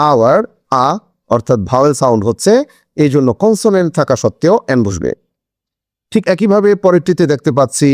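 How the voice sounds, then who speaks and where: A man's voice: fairly high pitch, a little mellow, no room sound, clean studio sound. A man teaching an English grammar lesson in a video, explaining step by step and asking questions that he answers himself.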